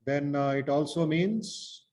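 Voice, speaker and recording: A South Indian man speaks as a monk leading an informal spiritual class. His voice sits a little high for a man. He talks in short, halting phrases and often repeats a word to stress it. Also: darkish tone.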